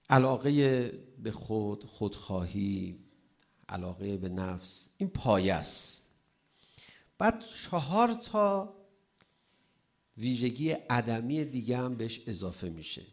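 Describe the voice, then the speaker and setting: A male preacher gives a sermon in a gravelly, creaky voice of middling pitch. He swings from loud, pressing emphasis to quiet asides and peppers the talk with rhetorical questions and humor. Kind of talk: religious sermon.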